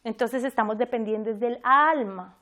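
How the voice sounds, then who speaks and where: A woman's voice: a little high, unhurried, a bit bright. A woman giving a conversational church teaching talk, often asking her listeners questions. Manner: conversational, asks the audience questions.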